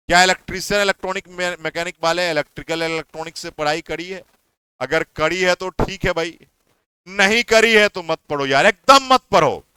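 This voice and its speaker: A man's voice: fairly high pitch, bright, forceful tone, clear, resonant tone, no room sound. A young man who teaches exam coaching, giving heated, repetitive warnings to students. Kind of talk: impassioned advice talk to students.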